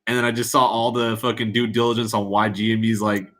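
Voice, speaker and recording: A man's voice: on the low side, flat delivery, fast, a bit bright. A man in casual voice chat, rueful and laughing often, peppering his talk with bro and dude. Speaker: Discord voice chat participant.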